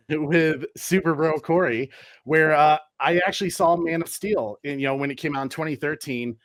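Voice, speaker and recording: A man's voice: on the high side, normal speed, fairly bright tone, slight background noise. A man in his thirties, a podcast guest, telling stories in a rambling, easygoing way with many fillers. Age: 30s. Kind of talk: casual chat.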